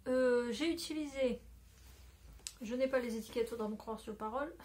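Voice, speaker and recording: A woman's voice: on the high side, normal speed, a little mellow, slight background noise. A woman talking casually to her phone camera at home as a knitting podcaster, rambling with many fillers and self-corrections. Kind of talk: casual video chat. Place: at home, indoors.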